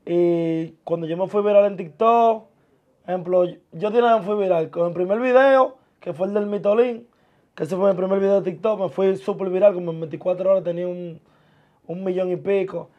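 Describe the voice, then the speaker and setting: A young man, a guest chatting casually and laid-back in a small studio, full of street slang and trailing off softly. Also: sits high, normal speed, muffled recording. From born in the US, of Dominican parents. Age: young adult. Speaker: guest, musician and TikToker. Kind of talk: casual interview talk. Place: small indoor studio with sofa chairs.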